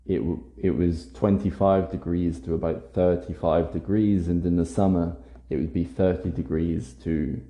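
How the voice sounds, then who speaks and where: A man's voice: low-pitched, mellow. A young man from Scotland with a generic British accent, an English teacher talking casually about himself for learners, with fillers and a rambling storytelling manner. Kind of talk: casual monologue for language learners. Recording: echoey room.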